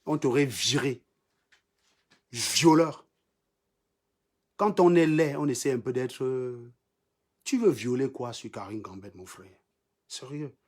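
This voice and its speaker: A man's voice: medium pitch, takes it slowly, pauses often. Combative man ranting on a livestream. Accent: Cameroonian French. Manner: mocking, combative, repeats lines for emphasis. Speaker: livestream host. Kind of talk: insulting live-stream rant.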